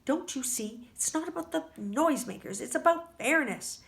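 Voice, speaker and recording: A woman reading aloud as an earnest, eager schoolgirl who speaks in a hushed tone. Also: high voice, lively intonation, moderate pace, pitched above the performer's own voice.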